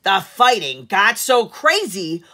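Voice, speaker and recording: Seated in an armchair in her living room, a middle-aged teacher reads a picture book aloud to children. Her mid-range voice is bright and forward with lively rises and falls, and she goes unhurriedly, phrasing deliberately and stressing words like a storyteller.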